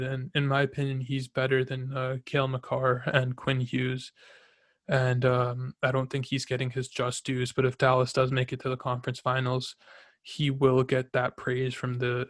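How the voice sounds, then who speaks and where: A young man from Canada ranting casually about a hockey series as a fan, rambling and excitable, with many fillers and restarts. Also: mid-range voice, dry recording, clean studio sound. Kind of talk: casual opinion monologue.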